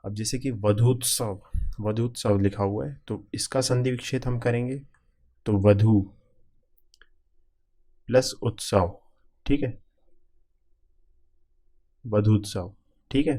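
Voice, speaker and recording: A male teacher walks exam students through a grammar lesson at a plain middle pitch. He splits each word into its parts one at a time and checks in with the class again and again. His delivery is patient and repetitive. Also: a little mellow. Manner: repetitive, keeps checking in with "ठीक है"; spells out word parts slowly, piece by piece.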